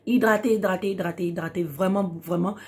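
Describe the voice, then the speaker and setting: A woman's voice: mid-range voice, fairly even intonation, a little fast, a little mellow. Woman, casual tutorial host, emphatic, repetitive phrasing for stress. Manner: emphatic, repeats words for stress. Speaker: beauty tips host.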